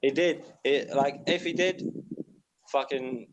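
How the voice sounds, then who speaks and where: A man's voice: mid-range voice, takes it slowly, background noise. A man calling in to a casual chat, blunt, swearing heavily and laughing often. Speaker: guest on a call.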